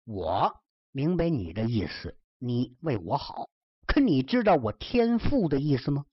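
Solemn male teacher, low and hushed, put on by a woman storyteller; husky, dry and dull recording. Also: big pitch swings, no echo, exaggerated voice. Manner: low, soft and measured. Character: calm, solemn male teacher, gently instructing.

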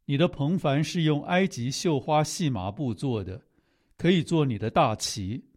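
A man reading scripture aloud in a steady, measured way. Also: a little high. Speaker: scripture reader.

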